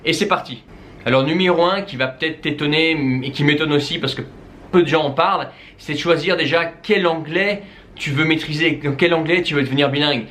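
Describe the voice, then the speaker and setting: A man's voice: fairly high pitch, brisk, a bit bright. A man from the Netherlands with Dutch as his first language, giving informal language-learning tips straight to the viewer, with many fillers and restarts. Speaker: language coach. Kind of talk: casual spoken tips to camera.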